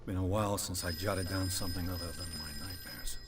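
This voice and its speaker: An actor playing a weary, troubled war veteran in a video game, muttering to himself. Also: male voice, deep voice, steady tone, brisk, noisy background, natural voice. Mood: weary, brooding.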